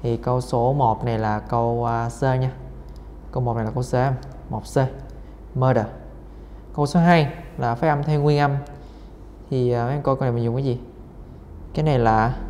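A man's voice: medium pitch, a little mellow. A man teaching English as he works through exam questions, repeating each word over and over with many fillers. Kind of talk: exam-solving lesson. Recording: reverberant room, faint noise.

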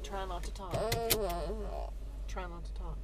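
Middle-aged woman over loud car noise. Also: on the low side, flat delivery, a little slow. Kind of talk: casual chat. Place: inside a moving car. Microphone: dashboard action camera.

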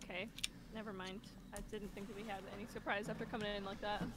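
A woman's voice: mid-range voice, little pitch movement, fast. A woman playing a tabletop game over an online call, teasing the game master in casual banter. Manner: teasing and playful. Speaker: player. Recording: voice call with clear background noise.

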